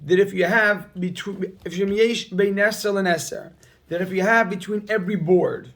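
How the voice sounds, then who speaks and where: A man's voice: sits high, steady tone, normal speed, a bit bright. A man teaching a Talmud class, who repeats key phrases over and over and calls on his students with emphatic energy. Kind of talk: Talmud class reading and explaining text.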